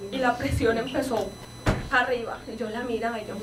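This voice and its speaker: A woman's voice: fairly high pitch, fairly even intonation, fairly quick, noisy background. A woman pastor giving an earnest personal testimony from the pulpit, acting out the dialogue as she retells it. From Colombia. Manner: earnest storytelling, reenacts dialogue with rising emotion. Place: church hall with congregation. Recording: echoey church, voice from a distance, congregation around.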